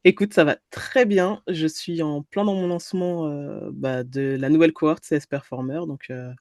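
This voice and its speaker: A woman's voice: low voice, steady tone, normal speed, a little mellow, dry recording, studio quality. A woman talking casually as an interview guest and explaining her work. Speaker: podcast guest, entrepreneur and trainer.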